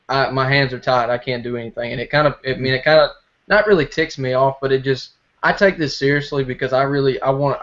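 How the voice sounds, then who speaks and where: A young man appearing as a podcast guest, outspoken and brash in casual chat. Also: medium pitch. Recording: dull lo-fi sound.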